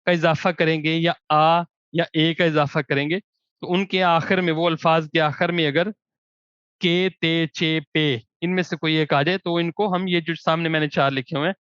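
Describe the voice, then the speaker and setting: A man with a somewhat high voice teaches a grammar lesson and lingers on each example word before moving on. The recording is dry and close. It has a slightly dull, lo-fi tone. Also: steady tone, fairly bright tone, smooth, no echo. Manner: slow, drawn-out example words between quick explanation. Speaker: language teacher. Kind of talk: explaining grammar with spoken examples.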